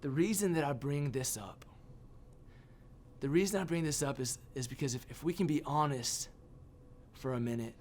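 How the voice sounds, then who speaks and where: A man giving a sermon as a youth pastor, telling a personal story with animated, self-mocking humor. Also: fairly high pitch, normal speed, a little hiss or hum.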